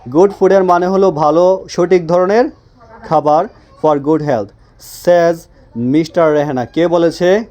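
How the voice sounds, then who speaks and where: Slow, deliberate male English teacher. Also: a little high, dark tone. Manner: asks questions and answers them himself, repeats phrases slowly; drills students with call-and-response. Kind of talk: classroom grammar lesson.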